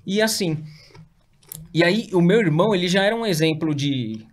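A man's voice: high voice, expressive, normal speed. A man, a guest telling his career story in a casual interview, slangy and self-deprecating with lots of fillers. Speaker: guest entrepreneur.

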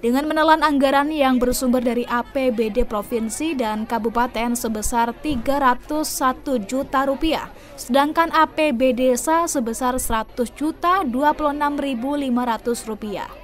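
A woman reading a scripted local television news report in a formal, even newsreader manner. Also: high-pitched, normal speed. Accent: Indonesian. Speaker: news presenter.

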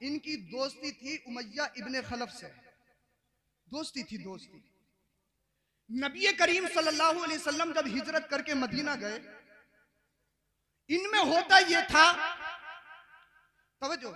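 A male preacher giving a sermon, telling a story in a soft voice, then breaking into loud shouting. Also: extremely high pitch. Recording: live crowd behind. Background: crowd.

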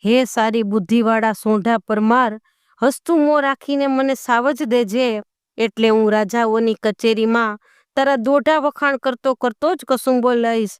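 A woman voicing an old bard who loudly recites praise verses to a king in a folk tale. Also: on the high side, normal speed, smooth, no echo, studio quality, natural voice. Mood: declaiming.

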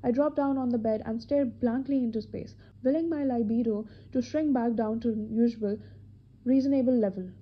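A woman reading a first-person romance novel aloud as an amateur narrator, with a husky voice, now and then repeating a line. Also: a little high, normal speed. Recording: dull lo-fi home recording.

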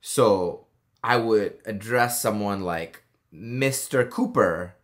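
A man in his thirties from Malaysia, chatting casually to camera as a family vlogger, animated and gesturing, seated at home. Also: fairly low pitch, slow. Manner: animated storyteller, gestures a lot. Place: indoors at home, seated beside his wife.

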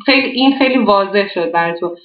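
A woman's voice: medium pitch, lively intonation. A woman teacher walks through a grammar exercise, explaining each step and posing questions she then answers herself. The sound is somewhat dull and the room echoes noticeably. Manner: explains step by step, often asks and answers her own questions. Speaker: German teacher.

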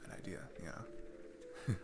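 In a romantic ASMR roleplay, a man plays a shy, sweet single dad who has fallen for his babysitter. He speaks gently and haltingly, with an earnest, tender mood.

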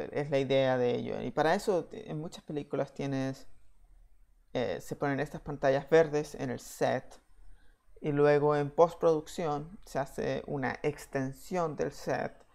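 A Chilean VFX software engineer gives an online slide lecture into a webcam at his desk in a room at home. His somewhat high, slightly mellow voice carries a gravelly, creaky edge, and he speaks in a measured way with frequent "eh" fillers and pauses.

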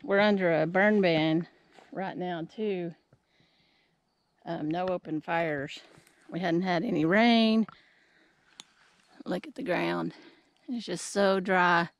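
Unhurried, breathy-from-climbing woman on a trail. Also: lowish voice. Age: middle-aged. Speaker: vlogger. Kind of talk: casual hiking vlog, talking to camera. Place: outdoors on a wooded hillside trail. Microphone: handheld camera at arm's length. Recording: outdoor trail sound with clear background noise.

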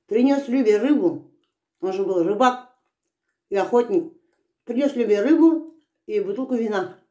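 A woman's voice: a little high, lively intonation, moderate pace, warm tone. A middle-aged woman vlogger telling a story with her mouth full while she eats, in a chatty, rambling way. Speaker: mukbang vlogger. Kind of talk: casual storytelling while eating. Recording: echoey room.

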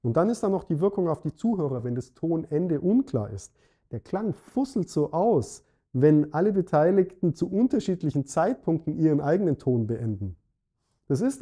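A man with a German accent, a saxophone teacher giving a scripted lesson in a clear, measured way that speaks straight to the viewer. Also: a little high, warm tone. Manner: clear, measured explaining addressing the viewer directly. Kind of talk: scripted instructional talk.

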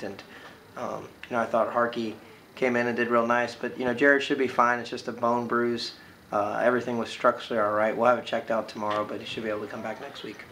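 A man in his thirties, a baseball coach giving a postgame interview, talking quickly and filling pauses with "you know". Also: lowish voice, fairly bright tone, slight background noise, rough recording. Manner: filler-heavy, with frequent "you know"s. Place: indoor room by large windows.

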